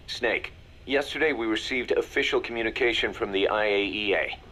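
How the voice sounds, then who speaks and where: The role is a serious military second-in-command in a video game, voiced by a male actor. His briefing is businesslike and measured, and his low-ish voice sounds pushed and bright.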